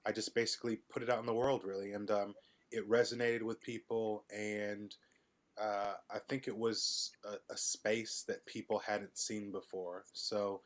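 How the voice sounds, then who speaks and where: Low, flat-voiced man guest. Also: moderate pace. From United States, Midwest. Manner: relaxed, hesitant with many ums. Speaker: podcast guest. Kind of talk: casual interview conversation.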